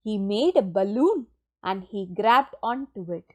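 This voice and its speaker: A storybook reader, a woman whose voice sits in the mid range, narrates a children's picture book. She takes her time, reading expressively and pausing for dramatic effect.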